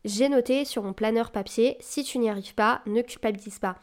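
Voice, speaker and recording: A woman's voice: fairly high pitch, moderate pace. A young woman hosting her own podcast from home into a desk mic, chatting casually and encouragingly, with loose phrasing and plenty of fillers. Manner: chatty, loose, with many fillers and English buzzwords; self-described anxious, encouraging tone. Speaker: podcast host. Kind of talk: casual solo podcast chat. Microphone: desk mic on a boom arm.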